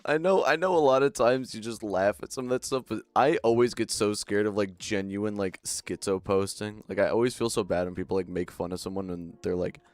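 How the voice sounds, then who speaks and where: A man's voice: fairly low pitch, fairly quick, hardly any pauses, a little mellow, no echo. A young man streaming a game and chatting casually, laughing often and rambling between jokes. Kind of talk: casual chat while gaming.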